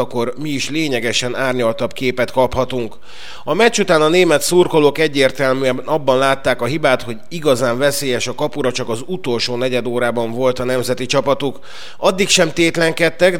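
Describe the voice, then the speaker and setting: Male radio sports correspondent, mid-pitched. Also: fairly bright tone. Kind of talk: scripted sports news report.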